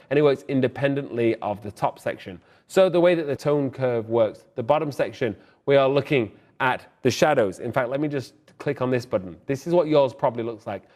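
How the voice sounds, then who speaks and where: A young man hosting a fast photo-editing tutorial, brisk and upbeat, giving opinionated tips and sounding out of breath. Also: mid-range voice, a little mellow. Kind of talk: fast screen-recorded software tutorial.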